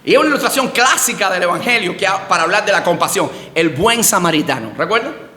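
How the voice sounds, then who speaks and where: High, bright-voiced male pastor preaching. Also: animated, fast talker, echoey room. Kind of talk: sermon. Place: church sanctuary.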